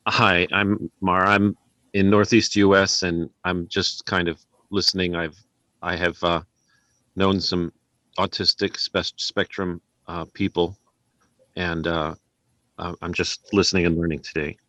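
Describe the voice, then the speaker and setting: A man introducing himself in an online meeting, hesitant and halting. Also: sits low, level tone, bright, forceful tone, no echo.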